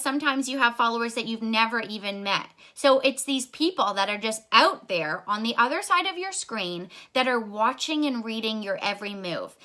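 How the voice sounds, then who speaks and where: A woman's voice: a little high, bright, forceful tone. A young woman giving an earnest, encouraging motivational talk on a live video, speaking straight to her viewers and a little out of breath. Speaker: online business coach.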